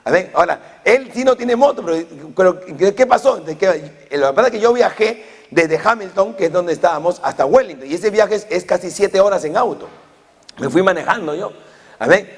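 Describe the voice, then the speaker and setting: Fervent gravelly-voiced man preaching in a hall. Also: high voice, animated, fairly quick. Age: 40s. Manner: fervent preaching peppered with amen and hallelujah. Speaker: pastor. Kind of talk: sermon. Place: church hall. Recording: long reverb of a church hall.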